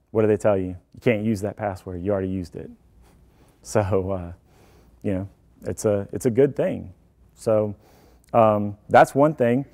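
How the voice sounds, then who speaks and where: A man's voice: fairly low pitch, mellow. A man giving a casual presentation on computer security to an audience, chatty and joking, taking questions. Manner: chatty, self-deprecating, joking asides.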